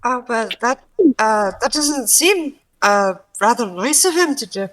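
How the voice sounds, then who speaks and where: A woman playing her character in a tabletop game, hesitant and polite, with many pauses and "uh"s. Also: on the high side, animated, fairly bright tone, low-quality recording. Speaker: player. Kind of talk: in-character tabletop role-play.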